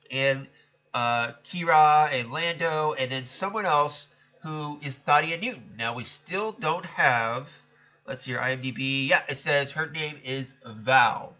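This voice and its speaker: A man hosts a casual solo commentary podcast, chatty and rambling, often correcting himself. His voice is fairly high, stuffed-up and nasal, pushed and bright, at a measured pace, and the sound is lo-fi.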